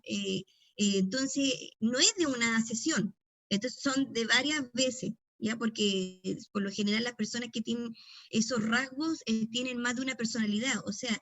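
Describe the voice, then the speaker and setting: A woman's voice: a little high, fairly bright tone, dry recording. A middle-aged woman pastor with a Chilean accent, teaching a deliverance session in a conversational storytelling way with frequent tag questions.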